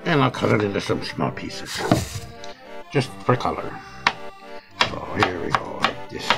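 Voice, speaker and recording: A man's voice: sits low, lively intonation, unhurried, gravelly, poor audio. An older man chatting folksily as he cooks in a home kitchen, with a frying pan sizzling and music playing behind him. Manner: folksy, chatty, with occasional pirate jokes. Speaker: home cooking host. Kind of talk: casual cooking demonstration in pirate costume.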